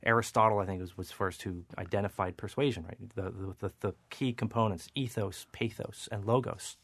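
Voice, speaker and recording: A man with a lower-pitched voice speaks as a speech coach on a radio panel. He explains ideas in a patient, teaching way, like a coach breaking things down for listeners. The recording is close and dry. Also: fairly quick, a bit bright, no room sound. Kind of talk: expert radio commentary.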